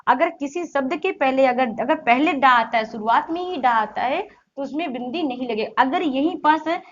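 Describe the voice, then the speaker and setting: A woman's voice: high-pitched, moderate pace. A woman teaching an online exam-prep Hindi class, asking her students questions and repeating points as she explains. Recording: slightly dull lo-fi audio with faint hiss.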